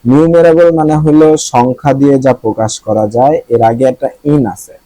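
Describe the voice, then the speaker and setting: A man's voice: mid-range voice, steady tone, moderate pace, dark tone, no echo, rough recording. A man from Bangladesh teaching vocabulary in a casual lesson, thinking aloud, checking pronunciations and joking with the viewers.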